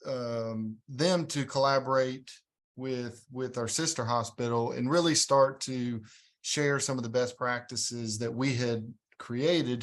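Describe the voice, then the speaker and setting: A man's voice: mid-range voice, a bit bright. A man guest in a podcast interview, speaking conversationally and often repeating words as he thinks. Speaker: guest, hospital program leader.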